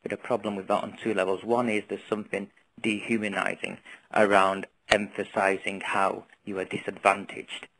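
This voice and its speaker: A man with a Northern English accent speaks in a low, level voice, talking as a guest on a webinar. He is earnest and searches for words, often restarting and repeating himself. His talk comes through remote call audio. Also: little pitch movement, moderate pace, creaky, fairly bright tone, low-quality recording. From northwest England. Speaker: guest speaker from a youth NGO. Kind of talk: webinar presentation.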